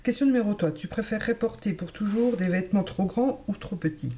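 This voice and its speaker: Warm-voiced chatty woman vlogger. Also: mid-range voice, fairly quick. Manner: chatty and hesitant, many fillers. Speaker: beauty vlogger. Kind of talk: casual chat to camera.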